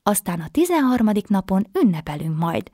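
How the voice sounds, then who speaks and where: A woman voicing a small, cheerful, helpful fairy with butterfly wings in a bedtime story, speaking brightly and encouragingly. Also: medium pitch, sing-song, no echo, clean studio sound.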